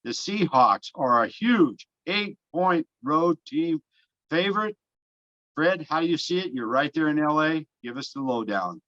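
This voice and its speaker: A man's voice: fairly high pitch, animated, measured pace, sharp tone. A man hosting a sports betting talk show in a conversational style, on dull, lo-fi audio.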